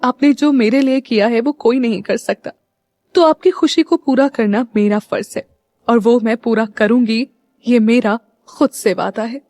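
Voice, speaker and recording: A woman's voice: fairly high pitch, a little slow, darkish tone, dry recording, clean studio sound. A woman narrator voicing a cheerful, playful young woman who teases her family and turns earnest about her brother. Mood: tender, resolute. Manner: bubbly and teasing, earnest when alone.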